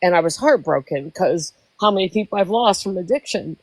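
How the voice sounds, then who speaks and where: A woman's voice: lowish voice, expressive, brisk, no room sound. A woman in her sixties, a livestream guest, telling a story in casual chat, emotional and rambling, often repeating herself. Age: 60s.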